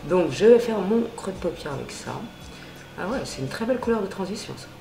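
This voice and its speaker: Woman vlogger, chatty and slangy, mid pitch, roomy echo, faint noise behind. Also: expressive, fairly quick, vocal fry. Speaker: beauty vlogger. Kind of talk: casual makeup tutorial chat.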